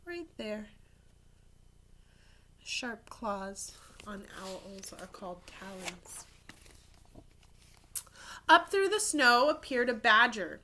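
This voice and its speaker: Like a third grade teacher reading to her pupils, a woman with a very bright, fairly high voice reads a children's story aloud slowly and deliberately. She reads expressively and drifts into casual asides, pausing to point out pictures and explain words to young listeners.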